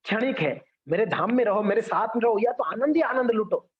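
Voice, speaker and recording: A man's voice: sits high, expressive, a little fast. A man doing a fatherly God pleading. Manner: earnest, warning. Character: kindly fatherly God warning his child. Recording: echoey room, dull sound.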